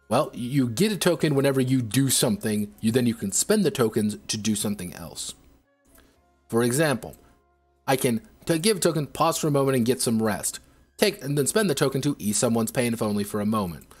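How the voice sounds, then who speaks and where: A man's voice: mid-range voice, slightly rough. A man reviewing tabletop games on a livestream, ranting sarcastically. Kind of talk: livestream game review rant.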